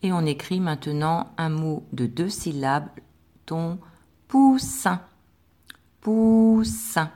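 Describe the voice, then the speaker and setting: A woman teacher giving a slow, patient dictation lesson to young pupils, spelling out sounds with careful articulation. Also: deep voice, dark tone. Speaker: primary school teacher.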